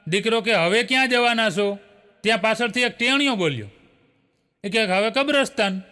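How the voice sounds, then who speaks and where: Bright high-voiced male joke teller. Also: expressive, normal speed, clear, resonant tone. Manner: storytelling with chuckles. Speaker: comedian. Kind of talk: stand-up joke telling. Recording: long hall reverb.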